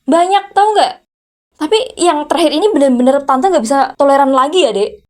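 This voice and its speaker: A woman's voice: sits high, moderate pace, close to an everyday voice. A woman in an ASMR role-play voicing a furious, unmarried rich aunt who runs a company and is scolding her teenage nephew with sarcastic, challenging questions. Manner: scolding, sarcastic, repeated sharp "hah?" challenges. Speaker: VTuber role-play creator.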